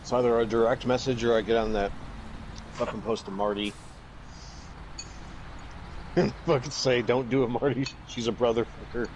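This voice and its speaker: A young man with a medium-pitched, steady voice chats casually at normal speed, pausing often. He tells crude, sweary stories and acts out the dialogue, with vehicle and road noise in the background.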